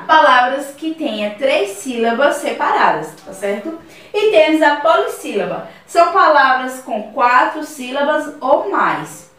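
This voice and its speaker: Brief: Brazilian woman teacher, high voice, patient slow explaining, far from a distant mic. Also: big pitch swings, fairly bright tone. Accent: Brazilian Portuguese. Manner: slow, careful explaining, repeating words syllable by syllable. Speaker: primary school teacher. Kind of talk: recorded remote class for children. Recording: very echoey room, voice from far off.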